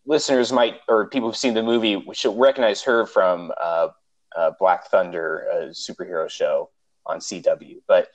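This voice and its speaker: A man's voice: deep voice, steady tone, moderate pace, low-quality recording. Chatty young man, podcast co-host. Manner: chatty, laughs easily, restarts sentences. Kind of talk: casual podcast chat.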